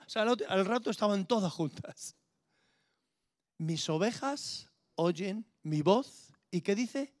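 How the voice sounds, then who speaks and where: High-voiced preacher, dry sound. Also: male voice, a little mellow, no room sound. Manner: anecdotal, conversational preaching with acted-out dialogue. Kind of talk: sermon.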